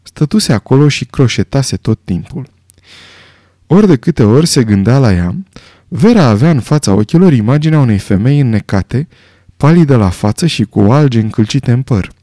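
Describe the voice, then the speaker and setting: Expressive male audiobook narrator. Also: mid-range voice, dry recording, studio quality. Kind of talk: scripted narration.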